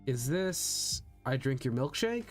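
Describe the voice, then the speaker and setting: A man with a medium-pitched, very animated voice speaks slowly while streaming a voice acting practice session. It's casual livestream chat in which he thinks aloud and often repeats his words, with soft background music behind him.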